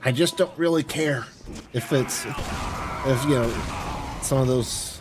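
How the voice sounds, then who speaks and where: A male streamer rambles offhandedly while playing a game, chatting casually at a medium pitch and taking his time. Video game sounds come through clearly in the background.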